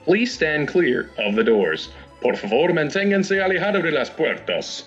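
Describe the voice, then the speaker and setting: A man in his twenties imitating a monorail announcer, reading a door warning slowly in English and then Spanish. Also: a little high, very animated, fairly bright tone, lo-fi sound, faint music behind, pitched above the performer's own voice. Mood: announcing. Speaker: podcast co-host.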